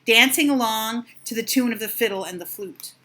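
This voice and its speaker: An older woman reading a children's storybook aloud with expressive, dramatic emphasis. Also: a little high, moderate pace, a little hiss or hum.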